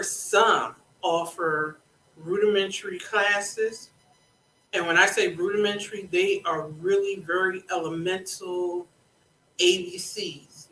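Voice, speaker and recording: An unhurried consultant talks through government contracting step by step, hammering key points home with a bright, forward tone. A scratchy throat keeps interrupting with small clears. The voice sits back from the mic in an echoey room. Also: medium pitch, distant mic. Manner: deliberate, instructive, repeats points for emphasis. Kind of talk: live educational monologue. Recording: roomy echo, speaking away from the mic.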